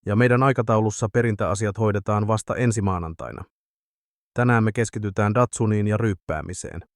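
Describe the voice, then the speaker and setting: A man's voice: fairly low pitch, fairly even intonation, dry recording, studio quality, lightly acted. A man voicing a swaggering, boozy middle-aged drunk in an audiobook. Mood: cocky. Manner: cocky, swaggering.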